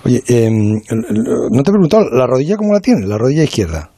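A man's voice: medium pitch, very animated, fast talker, dark tone, husky, no room sound. A man interviewing a guest, asking questions in a casual, colloquial way and chiming in often. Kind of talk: conversational interview.

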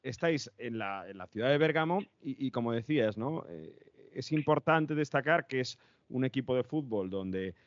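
A man's voice: mid-range voice, lively intonation, moderate pace, no echo, muffled recording. A man with an accent from Spain hosting an interview, conversationally explaining and summing up for listeners. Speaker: interviewer, show host.

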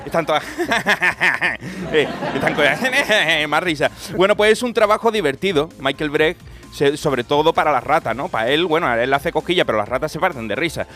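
A fairly high-voiced man from co-hosts a radio show as its comedian. He tells stories with a laugh, jokes along the way and slips into little acted-out voices. Faint music plays underneath. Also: expressive, a little fast, a bit bright. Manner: jokey, laughing, acts out voices. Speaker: comedian co-host. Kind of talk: casual radio chat.

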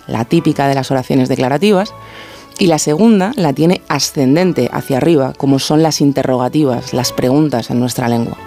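A man's voice: fairly high pitch, dark tone. A man giving a didactic explanatory segment as a radio contributor, talking in carefully paced explanations. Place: radio studio.

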